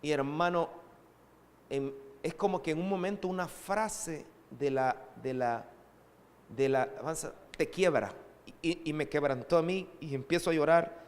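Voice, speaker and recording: Animated male pastor preaching in hall. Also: on the high side, moderate pace. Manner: lively, conversational preaching with asides to the congregation. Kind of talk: sermon.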